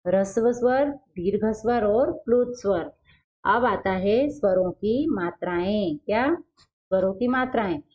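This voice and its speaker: A woman's voice: fairly high pitch, muffled recording. A woman teaching a grammar lesson, who asks questions and answers them herself and repeats the key words.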